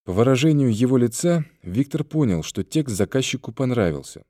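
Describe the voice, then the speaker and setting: A man reading an audiobook in a calm, even storytelling manner. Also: mid-range voice, a little fast, dry recording, studio quality. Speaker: audiobook reader. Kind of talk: scripted narration.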